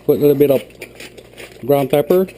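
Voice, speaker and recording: A man's voice: medium pitch, a little fast, dark tone, a little hiss or hum. A man explaining a cooking recipe step by step in a patient way, often checking in with "okay". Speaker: home cooking instructor. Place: home kitchen.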